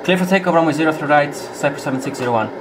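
A man's voice: on the high side, background noise. Man on a cockpit headset, clipped callouts. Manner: clipped aviation phraseology, brisk callouts. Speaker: home cockpit flight simulator pilot. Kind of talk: pilot radio calls and checklist callouts into a cockpit headset.

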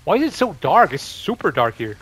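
A man's voice: a little high, sing-song, fairly quick, fairly bright tone, breathy edge. A man hosting a gaming channel, chatting upbeat and rambling over his gameplay. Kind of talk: casual gameplay commentary.

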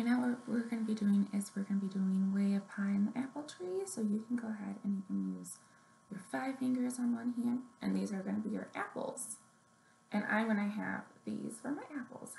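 Using a medium-pitched, dark voice marked by vocal fry, a woman in her thirties hosts story time and gives young children simple words of encouragement and instruction. The clip has webcam sound from a device at arm's length, plus roomy echo and noticeable background noise.

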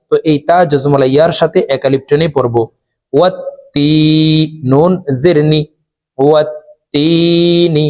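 A man's voice: on the high side, darkish tone. A man teaching Quran recitation step by step, spelling out each letter patiently and drawing out the long vowels.

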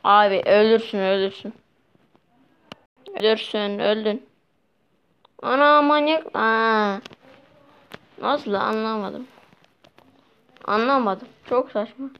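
A young woman vlogs her mobile gameplay in a clean, medium-pitched voice, keeping a steady tone and slow pace with frequent pauses. She chats with her viewers and gets exasperated easily. The sound is dull and lo-fi with a little background noise.

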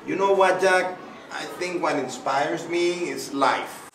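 A man's voice: fairly high pitch, takes it slowly, a bit bright, recorded from a distance. Middle-aged man, chatty and effusive, recorded from afar in an echoey, noisy room. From Venezuela. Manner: effusive, chatty, many fillers. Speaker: artist interviewed by a child. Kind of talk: casual interview. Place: small indoor room.

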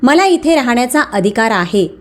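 Calm, firm older mother in a storybook, slightly high voice, read by a woman. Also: normal speed. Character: calm dignified older mother, wealthy but humble.

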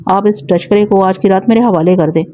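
A thuggish male constable brags about roughing up a suspect, voiced by a woman reader. The tone is mellow and low-key, in a plain storybook reading. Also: close to an everyday voice. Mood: menacing. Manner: menacing, boastful. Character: brutish menacing male police constable.

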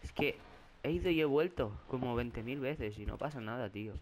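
This young gaming YouTuber from Spain has a medium-pitched voice with lively intonation and a moderate pace, plus a Spanish accent. Narrating a horror game let's play, he gets jumpy, swears, and shouts in fright, with faint background noise in the recording.

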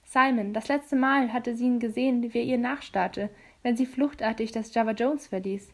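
A woman reading a novel aloud as an audiobook, narrating in a calm, even way. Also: fairly high pitch, moderate pace. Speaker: audiobook reader. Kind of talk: storybook narration.

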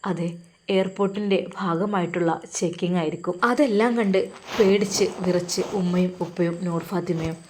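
A woman's voice: fairly low pitch, steady tone, normal speed, a little mellow, slight background noise. Woman narrating an emotional story. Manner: dramatic, lingering.

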